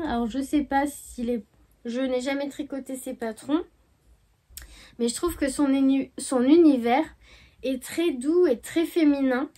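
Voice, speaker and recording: A woman's voice: a little high, dark tone. A woman hosting her knitting podcast, chatting casually and hesitantly with many fillers. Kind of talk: casual chat.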